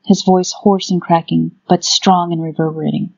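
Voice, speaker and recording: Low-voiced woman narrating fantasy. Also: little pitch movement, normal speed, creaky, lo-fi sound. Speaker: audiobook narrator. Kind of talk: scripted dramatic fantasy narration.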